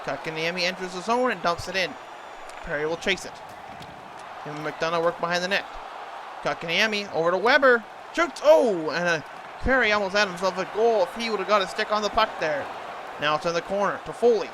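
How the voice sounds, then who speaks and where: A man's voice: sits high, a little fast, noisy background. A man doing hockey play-by-play commentary in an imitation of a TV sports announcer.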